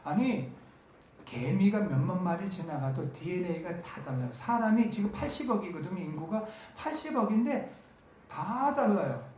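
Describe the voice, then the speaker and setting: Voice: medium pitch, animated, normal speed, a little mellow. A preacher delivering a camp sermon, stressing and repeating key words and putting questions to the audience. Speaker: preacher at a church summer camp. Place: large church hall. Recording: very echoey hall with faint noise.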